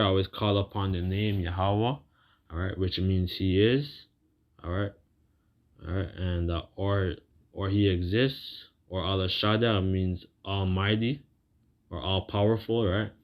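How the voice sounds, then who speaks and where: A low-pitched, slightly mellow man preaches an informal sermon, talking and reading scripture in a rambling, halting way. He repeats phrases and seeks agreement with colloquial tags like "right," and the recording is muffled.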